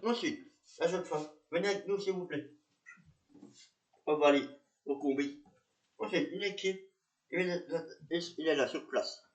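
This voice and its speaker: A man's voice: a little high, unhurried, pauses often. Hesitant man in an echoey room. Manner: hesitant, repetitive, many fillers. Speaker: narrator and police officer. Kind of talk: amateur reenactment of police patrol.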